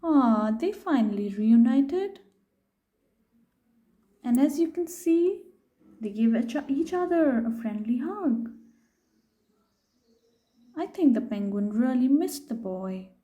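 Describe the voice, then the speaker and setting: Pausing to ask the kids questions, a woman with a high voice reads them a picture book. She keeps an expressive, relaxed pace throughout.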